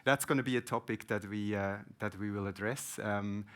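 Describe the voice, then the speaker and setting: A man's voice: fairly low pitch, fairly even intonation, moderate pace, fairly bright tone. A man moderating a conference panel, polling the audience and introducing himself, with many hesitations.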